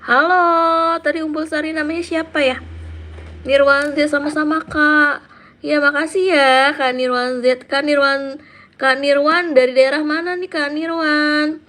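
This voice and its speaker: A woman in her thirties talks casually on a live stream in a high voice, greeting viewers by name and answering their comments. She speaks at an unhurried pace, at home and chatty. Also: steady tone, sharp tone. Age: 30s. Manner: chatty, reads out viewer names and answers them.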